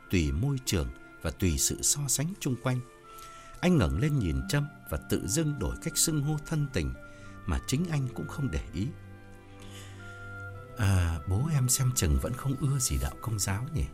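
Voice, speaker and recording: A man narrating an audiobook story in an expressive storytelling manner. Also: mid-range voice.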